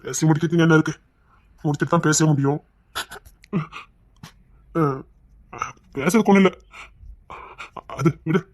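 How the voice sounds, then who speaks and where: A man's voice: fairly high pitch, normal speed, pauses often. A man teasing his wife in a casual couple chat, stalling and holding back laughter. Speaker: husband in a couple vlog.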